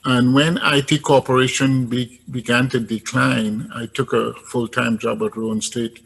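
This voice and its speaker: An older man from Trinidad, a guest recounting his career in a relaxed, hesitant way. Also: medium pitch, measured pace, creaky, husky, poor audio. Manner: hesitant, many ums and restarts. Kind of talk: casual interview talk.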